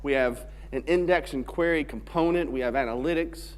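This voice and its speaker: Brisk, clear, and resonant, this slightly high male voice comes from a conference speaker from Alabama, USA. He gives a technical talk with a joking, conversational tone from a large conference hall stage. His stage mic has a long hall reverb.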